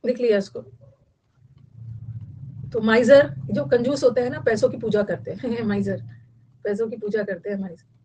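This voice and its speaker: Lady teacher, fairly high voice, mixes hindi in, keeps repeating words and asking the class. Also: fairly even intonation, moderate pace, pauses often, mellow, a little hiss or hum, poor audio. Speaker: English vocabulary teacher. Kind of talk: online class lecture.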